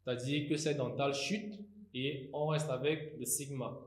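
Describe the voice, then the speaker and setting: A man teaching a grammar lesson, slowly and deliberately spelling out word forms with occasional hesitations. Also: mid-range voice, fairly even intonation, echoey room. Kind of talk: recorded Greek grammar lesson.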